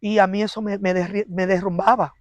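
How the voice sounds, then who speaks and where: Woman telling her church testimony, animated, acts out the arguments, dry close sound. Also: mid-range voice, a little fast, no room sound. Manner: animated storytelling, acting out quarrels and prayers. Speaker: interview guest giving a testimony.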